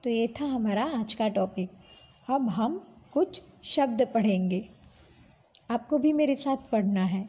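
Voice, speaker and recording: A woman teacher giving an online phonics lesson to children, slow and careful, sounding out each letter and word. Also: a little high, mellow, husky. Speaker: school teacher.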